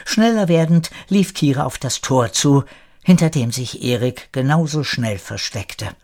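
A man narrating a story in a calm, measured storytelling manner. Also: medium pitch. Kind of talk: scripted audiobook narration.

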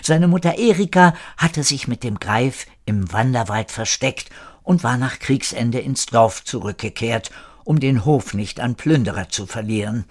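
A man narrating a story with a lively storytelling manner. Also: mid-range voice.

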